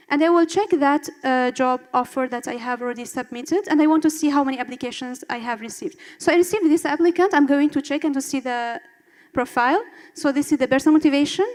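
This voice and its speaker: High-voiced woman demoing an app. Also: big-room sound. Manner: walks through steps, filler uhs. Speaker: student presenting her app. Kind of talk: demo presentation.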